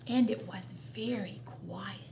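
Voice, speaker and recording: A woman reads a picture book aloud to children at storytime, expressive and sprinkling in chatty asides. Her voice is mid-range, slow and gravelly, and the recording has a roomy echo and noticeable background noise.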